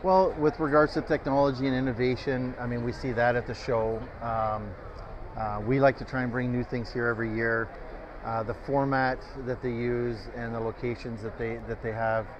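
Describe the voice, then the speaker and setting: Male sales guest, measured, lots of um and uh, slightly muffled lapel mic with expo noise. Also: mid-range voice, steady tone. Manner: halting, many fillers, measured. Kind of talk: casual trade-show interview. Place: open-sided tent at an outdoor expo. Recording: slightly dull, noisy outdoor expo.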